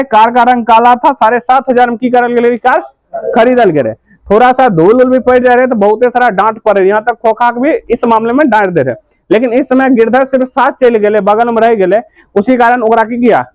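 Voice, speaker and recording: Male teacher, Bihari accent, very high voice, drills with self-answered questions, dry close sound. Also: normal speed, no room sound. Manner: asks quiz questions and answers them himself; repetitive, drilling key points. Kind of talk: classroom lesson explaining a story.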